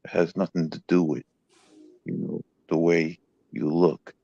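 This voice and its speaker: A man's voice: deep voice, level tone, a little slow, vocal fry, dark tone, husky, dry recording, muffled recording. A man in an online group call, asking pointed questions and pressing for yes or no answers.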